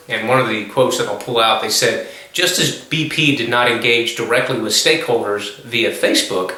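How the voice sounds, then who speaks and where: A male course instructor giving a recorded online lecture, measured and explanatory, with frequent ums and self-corrections. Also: fairly low pitch, sharp tone. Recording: very echoey room.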